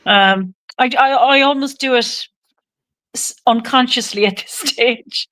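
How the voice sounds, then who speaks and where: A woman speaks with a Cork Irish accent in a relaxed interview conversation. Her voice sits a little higher than average. She talks as a guest, casually and conversationally. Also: unhurried. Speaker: podcast guest on men's health.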